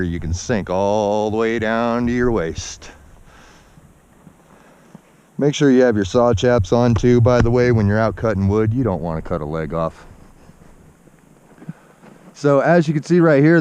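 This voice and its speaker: A man's voice: medium pitch, unhurried, long pauses, darkish tone, clear, resonant tone. A man giving a casual, folksy, instructive walk-along narration outdoors, somewhat out of breath from hiking uphill. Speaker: outdoor vlogger. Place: outdoors on a snowy forested mountainside. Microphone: body-worn action camera. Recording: dull muffled action-camera sound, outdoor noise.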